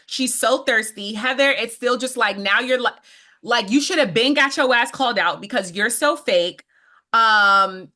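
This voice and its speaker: A young adult woman co-hosting a podcast in casual chat, animated and emphatic with playful asides. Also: on the high side. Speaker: podcast co-host.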